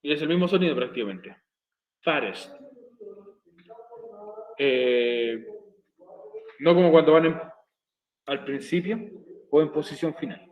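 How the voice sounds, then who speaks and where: Man teaching slowly in an echoey room. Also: fairly high pitch, lo-fi sound. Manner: slow, repeating explanations step by step. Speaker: English teacher. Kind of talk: recorded video lesson.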